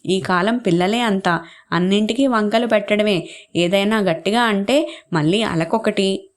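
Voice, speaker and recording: A woman's voice: mid-range voice, darkish tone. A woman telling a short story, narrating it aloud and acting out the family members' lines in quotes.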